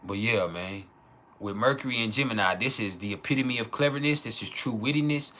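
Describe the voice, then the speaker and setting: A man's voice: mid-range voice, fairly quick, pushed and bright, slight background noise. A man hosting an astrology livestream in a casual, profane, slangy monologue, repeating phrases for emphasis.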